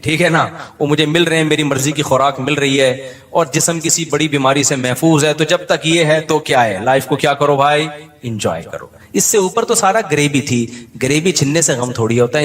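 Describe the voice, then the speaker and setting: A male Islamic scholar with a slightly high, fairly bright voice gives a humorous religious lecture in a big-sounding room. He jokes his way through stories and laughs between points.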